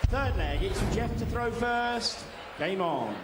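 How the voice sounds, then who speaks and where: A man working as a darts score caller, announcing scores loudly in a drawn-out, formal manner over an arena PA. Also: high voice, animated, over loud music. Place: large indoor darts arena. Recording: echoey, noisy arena PA.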